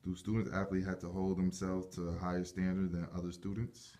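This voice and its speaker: Mellow, low-voiced male interviewer. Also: level tone, fairly quick. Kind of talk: reading prepared interview questions.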